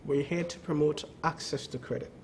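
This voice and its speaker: With a slightly high voice and a steady tone, a foreign credit bureau executive speaks a little fast in a TV business interview. He presses his points, repeating words and frequently tagging on "okay?". There's slight noise in the background.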